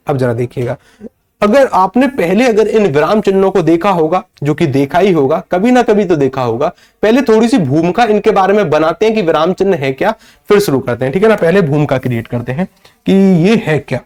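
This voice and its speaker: Male teacher from northern India, high voice, live online class, repeats points and answers his own questions. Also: animated, fairly quick, a little mellow. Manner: greets and answers viewers by name. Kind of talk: live online grammar lecture.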